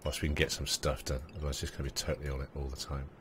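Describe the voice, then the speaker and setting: Very deep-voiced man narrating gameplay. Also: flat delivery, very fast, a bit bright, slight background noise. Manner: thinking aloud, rambling, many fillers, talks to his game characters. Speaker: gaming channel host. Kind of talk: let's play commentary.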